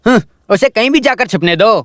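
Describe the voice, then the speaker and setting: A man dubbing a gruff fish seller into Hindi, who hawks loudly and threatens debtors. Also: very high voice, lively intonation, a little fast, slight background noise. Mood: hawking. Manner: loud street hawking, threatening. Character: gruff male fishmonger chasing debts.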